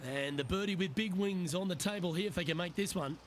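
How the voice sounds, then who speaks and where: A man giving golf commentary as lead announcer, in understated, measured remarks on play. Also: high voice, background noise.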